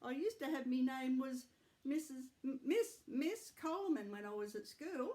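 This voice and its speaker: Lady doing a rambly old aussie granny, high squeaky voice, kinda fussy and sweet. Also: normal speed, close to an everyday voice. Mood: chatty. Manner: rambling, warm, chuckling. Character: chatty elderly grandmother, fond and fussy.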